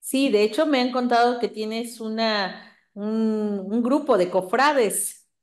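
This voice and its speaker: A woman hosting a formal interview, courteous and pausing often with fillers. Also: a little high. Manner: courteous, hesitant with many fillers. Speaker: interviewer host.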